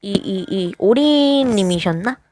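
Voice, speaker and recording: A woman streamer talks her way through a cozy game at an unhurried pace, her naturally high voice full of little "uh"s and questions to herself. A faint hiss of noise sits under the recording. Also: lively intonation, darkish tone. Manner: chatty, hesitant, lots of filler sounds and self-questions. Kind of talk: casual gameplay commentary.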